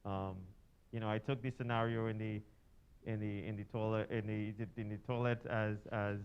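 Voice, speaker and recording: Guy at a church workshop, stops and restarts a lot, smooth voice but muffled recording. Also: on the low side, level tone. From Trinidad and Tobago. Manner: halting, many fillers and restarts. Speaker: workshop participant.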